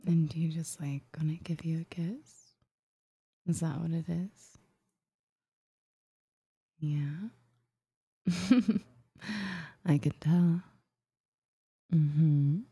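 Woman, breathy low whisper, slow soothing ASMR delivery, close and dry. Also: fairly even intonation, no room sound. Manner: soft whispering with long murmured hums; soothing, hushing. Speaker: ASMR roleplay performer.

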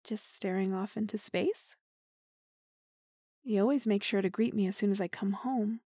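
A woman's voice: medium pitch, normal speed, no echo, clean studio sound, lightly acted. A woman playing an obsessive, whispery girlfriend. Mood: probing, pleading. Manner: soft, intimate, often whispering. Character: obsessive possessive young woman, clingy, remorseful kidnapper girlfriend. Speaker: voice actor in audio roleplay. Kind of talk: intimate listener-roleplay audio drama.

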